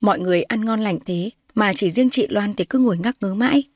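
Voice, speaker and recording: A woman's voice: mid-range voice, fairly quick, no echo. Woman narrating a story, dry close sound. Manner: reads all the characters' lines in her own voice, rising when characters shout. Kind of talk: scripted narration with voiced dialogue.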